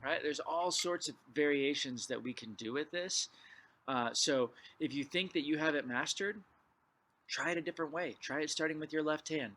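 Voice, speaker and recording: A man's voice: fairly high pitch, moderate pace. A man teaching a drumline clinic, explaining exercises and calling count-offs before he plays. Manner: counts off loudly before playing. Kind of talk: percussion lesson.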